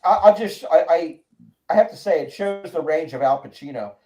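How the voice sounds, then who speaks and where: An older man with a mellow, slightly raised voice chats casually about favorite films. He is eager and opinionated. He drops quick verdicts on each one. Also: on the high side, lively intonation, poor audio. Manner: enthusiastic, opinionated movie talk. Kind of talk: casual chat.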